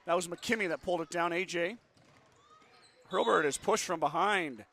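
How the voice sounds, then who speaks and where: A man with a sore throat does play-by-play for a local basketball game. His voice sits a little high and climbs as the action quickens. He speeds through the sponsor ads in between plays. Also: gravelly, fairly bright tone. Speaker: play-by-play announcer. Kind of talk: local radio basketball commentary.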